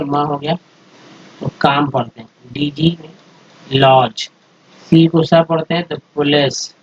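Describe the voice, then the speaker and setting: Man, phonics teacher, husky voice, very slow deliberate sounding-out, dull lo-fi recording. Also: fairly high pitch. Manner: sounds out word parts slowly, then blends them into whole words. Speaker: English teacher. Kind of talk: spoken phonics lesson over slides.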